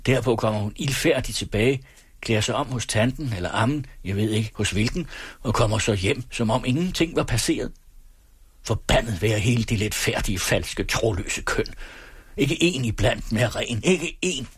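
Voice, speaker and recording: A man voicing a furious, hot-tempered older uncle who shouts his accusations. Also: mid-range voice, expressive, slightly rough, no echo. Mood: bitter. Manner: shouting, harsh.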